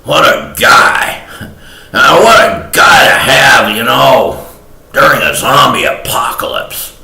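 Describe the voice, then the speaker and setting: A man spins a rambling comic yarn at an unhurried pace, his gravelly voice rough at the edges. He chuckles often and breaks into shouting, and the sound rings off the walls of an echoey room. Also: medium pitch, very animated. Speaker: vlog host. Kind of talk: comedic storytelling monologue.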